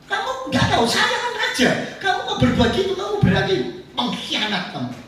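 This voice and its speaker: A man's voice: very high voice, wildly swooping pitch, moderate pace, fairly bright tone, voice pushed up, full character voice. A man preacher voicing an angry, suspicious king who scolds his men, heard in an echoey church from a distance. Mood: furious. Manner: scolding, indignant questions. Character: angry paranoid male king, accusing.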